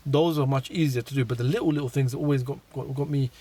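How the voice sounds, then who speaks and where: A man's voice: mid-range voice, fairly even intonation, quick pace, dark tone, slightly rough. A man telling his personal story in a casual monologue, rambling with many fillers and restarts.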